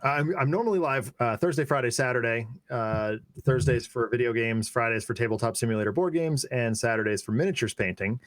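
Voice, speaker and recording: A man's voice: medium pitch, brisk, hardly any pauses, no echo. Chatty male co-host, casual and easygoing, dry close sound. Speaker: podcast co-host. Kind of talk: casual chat.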